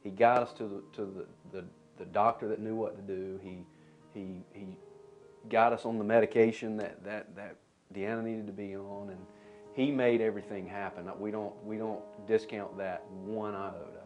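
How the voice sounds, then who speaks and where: A man sharing an earnest personal testimony, halting and restarting as he goes. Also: on the low side, fairly even intonation, a little mellow, soft background music.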